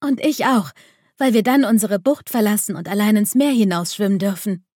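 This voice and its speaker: A woman's voice: medium pitch, moderate pace, dark tone, no room sound, studio quality, natural voice. A woman voicing Marisa, a cheerful, brave young mermaid girl, in a storybook reading.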